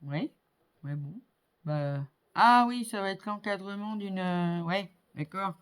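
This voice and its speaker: Her voice smooth and mid-range, a middle-aged woman talks unhurriedly through assembling a model kit. It's relaxed hands-on crafting commentary, full of fillers as she thinks out loud.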